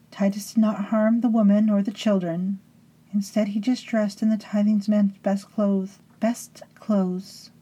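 A woman hosting and narrating a scripted horror story in a hushed, intimate way, sometimes sinking into whispers and calling her listeners beloveds. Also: medium pitch, husky, low-quality recording. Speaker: storytelling host.

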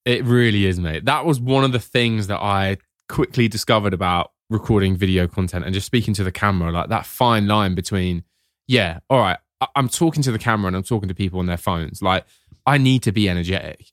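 A man's voice: lowish voice, brisk, no echo, studio quality. A man co-hosting a podcast in casual chat, easygoing and often calling his friend "mate". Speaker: podcast co-host.

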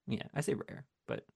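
A man's voice: darkish tone, dry recording, clean studio sound. A man as a podcast guest, chatting casually in a teasing, mock-sincere way.

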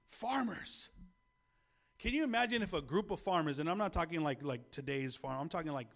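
High-voiced, gravelly man preaching a sermon. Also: quick pace, a bit bright. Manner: conversational preaching with repeated restarts; calls the congregation to repeat words. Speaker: pastor.

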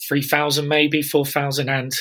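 Bright-voiced man telling a story. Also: fairly high pitch, completely flat delivery, normal speed. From London area. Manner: meandering storytelling with fillers. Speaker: podcast co-host. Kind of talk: casual chat.

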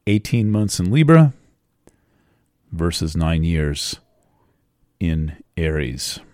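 A man talks through the astrology of the moment in a loose, rambling monologue, pausing often and filling the gaps with ums. His voice sits very low and mellow, and his pace is slow and deliberate. The sound is close and dry, with no room around it. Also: sing-song, dry recording. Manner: rambling, unhurried, with many fillers and pauses. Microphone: studio microphone.

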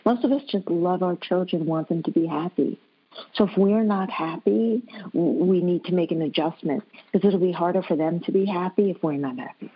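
Woman expert guest, measured and earnest, lowish voice, muffled lo-fi recording. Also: slightly rough. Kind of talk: calm advice in interview. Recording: dull lo-fi sound.

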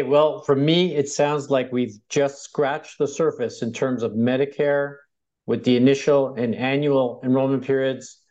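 A man's voice: mid-range voice, a little mellow. Male podcast host, slightly muffled sound. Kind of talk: podcast hosting. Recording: dull, band-limited audio.

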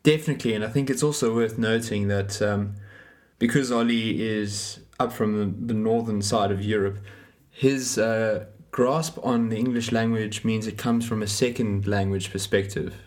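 A man co-hosting a podcast who speaks with hesitant pauses and fillers. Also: on the low side, steady tone, darkish tone. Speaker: podcast co-host. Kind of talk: casual podcast chat.

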